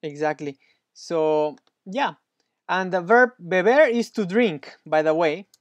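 A man's voice: high-pitched, expressive, takes it slowly, dry recording, muffled recording. A man tutoring Spanish one-on-one, patient and encouraging, praising often, with slightly non-native English phrasing. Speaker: Spanish teacher.

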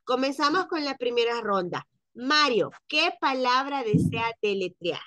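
A woman's voice: on the high side, animated, unhurried, pushed and bright, dry recording. A woman teacher running a class spelling contest, spelling words out letter by letter in a patient, encouraging way. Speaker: French teacher.

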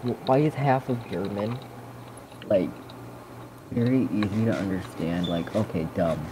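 A young male gamer with a low voice chats casually at an unhurried pace as a co-player in a gaming video. The voice-chat recording is noisy, with clear background noise.

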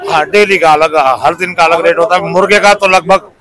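A man in his fifties, the head of a fish market, talks earnestly and promotionally in a somewhat high voice. He is recorded outdoors at a busy street market, speaking into a small handheld mic held near his mouth. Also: steady tone, fairly quick, fairly bright tone, rough recording. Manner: earnest, promotional, lists items in a raised voice. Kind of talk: street interview. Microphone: handheld lapel mic held up to mouth.

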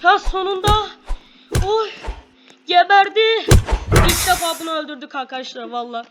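A woman hosting a gaming video, giving excited play-by-play to her viewers and shouting quick commands during fights. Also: extremely high pitch, music in the background. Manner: addresses viewers constantly. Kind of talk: excited gameplay commentary. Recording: loud background noise.

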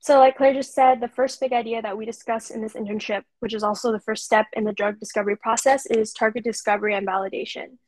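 A young woman in her twenties presents slides over a video call, reading her notes in a steady, even way. Her voice sits a little high and sounds close and dry, with no room around it. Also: fast, hardly any pauses, dry recording. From California. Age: 20s. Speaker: intern presenter.

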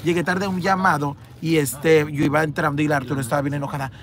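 A woman's voice: low voice, fairly even intonation, fast, crowd noise. A woman with a Mexican accent hosting a casual livestream, reading comments aloud in a teasing, crude way from a moving vehicle. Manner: teasing, crude, quotes others in a raised voice. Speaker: livestream host.

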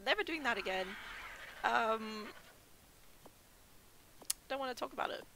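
A woman's voice: fairly high pitch, expressive, measured pace, bright, forceful tone, a little hiss or hum. A woman giving casual gameplay commentary as a gaming YouTuber, panicky, repeating herself in bursts and laughing nervously.

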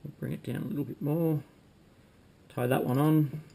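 A man, calmly demonstrating fly tying at a desk at home, talking while he works with frequent ums. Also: on the high side, moderate pace, creaky, breathy edge. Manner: relaxed, talks while working, frequent ums. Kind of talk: casual demonstration. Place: home room with bookshelves, indoors.

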